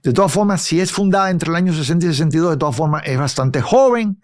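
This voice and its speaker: Guy teaching bible verse by verse, voice a bit on the high side, keeps asking if you follow. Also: lively intonation, quick pace. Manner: conversational, checks in with listeners. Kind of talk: expository Bible study.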